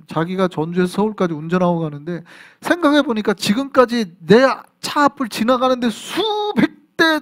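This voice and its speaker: A man from South Korea, a pastor preaching an animated sermon at a Friday prayer service in church. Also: very high voice. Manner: animated preaching, acts out voices and reactions. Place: church sanctuary.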